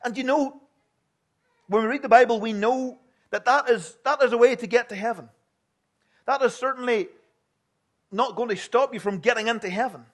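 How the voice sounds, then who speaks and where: A man's voice: very high voice, normal speed, pauses often, fairly bright tone. A man with a Northern Irish, Ulster accent delivers a sermon as a preacher, speaking plainly and earnestly and putting questions to his listeners.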